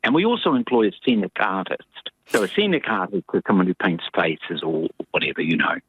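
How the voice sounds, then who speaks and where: An older man from New Zealand, a puppet maker interviewed over the phone, telling his story in an animated, rambling way. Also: deep voice, brisk, breathy edge. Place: home in rural Queensland, Australia, on a phone line. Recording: tinny dry phone line.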